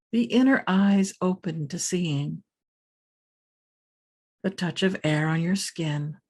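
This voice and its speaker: A calm, soothing woman leads a scripted guided meditation, her voice sitting on the low side. As the teacher, she moves at a measured pace and lets pauses fall between phrases.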